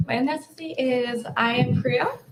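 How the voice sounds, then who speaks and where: A young woman in her twenties talks casually and frankly as a panel guest. Her voice has a gravelly fry to it, and a clear hiss of noise sits over the line. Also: sits high, moderate pace. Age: 20s. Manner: casual, frank, trailing off softly. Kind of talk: casual self-introduction.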